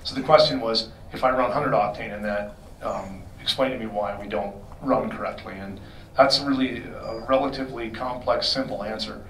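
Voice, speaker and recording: Holding a mic in a hotel meeting room, a middle-aged man who works at a performance shop answers engine questions from the audience in a technical Q&A, chatty and explanatory, sometimes revising what he said. He speaks at normal speed with a fairly low, slightly bright voice. A distant camera gives roomy audio with a little background noise.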